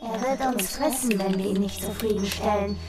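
A woman voicing an eerie chorus of ghostly voices that coax and chant in a hushed, low way. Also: moderate pace, loud music behind the voice, natural voice. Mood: hissing.

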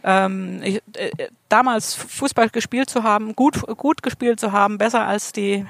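The guest, a middle-aged state politician from southern Germany, talks at normal speed in a gravelly, medium-pitched voice with no room sound. Sitting outdoors at a garden allotment for a relaxed interview, she chats freely, laughing often and full of fillers and false starts.

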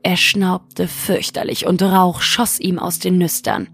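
A woman reads a fairy tale aloud in calm, measured storybook narration. Her delivery is unhurried and her voice has a gravelly texture, with faint music beneath. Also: fairly low pitch.

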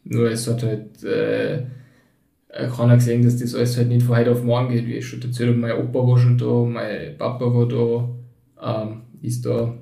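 Here a man in his twenties speaks with a Tyrolean accent; he was born in Turkey but raised in Tyrol, and he's a guest in a casual podcast conversation. His medium-pitched voice is creaky and dark, delivered monotonously at a moderate pace, thoughtful and halting with frequent fillers. Echo fills the room, and he's positioned somewhat distant from the microphone.

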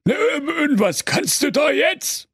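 A man playing a sarcastic, exasperated old father in a radio comedy fairy tale, with a husky voice. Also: extremely high pitch, big pitch swings, a little slow, a bit bright, no room sound, studio quality, full character voice. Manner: weary, gruff, sarcastic.

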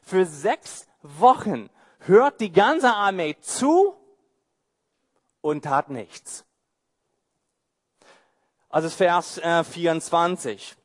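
Male pastor for a sermon; high, swooping voice, unhurried, playful and mocking. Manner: animated, mocking asides and rhetorical questions.

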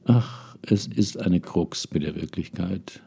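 Older man, storyteller, reflective reading, very dark tone, husky voice. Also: deep voice, takes it slowly. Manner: musing, addresses listeners directly.

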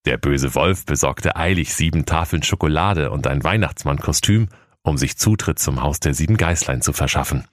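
A man tells a comic fairy tale with playful, mock-solemn relish. His voice is extremely deep. The recording is dry and close. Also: moderate pace, no echo. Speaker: narrator. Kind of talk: comic scripted narration.

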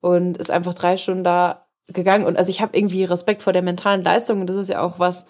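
A woman's voice: on the low side, little pitch movement, fast, a little mellow. A woman from Germany co-hosting a podcast in casual chat, telling stories and laughing often. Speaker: podcast co-host. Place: hotel in the Austrian Alps.

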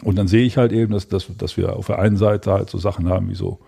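A man with a very deep, sepulchral voice in a casual interview, hesitating and repeating words as he thinks. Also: fairly even intonation, quick pace, creaky, warm tone, husky. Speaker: tattoo artist, podcast guest.

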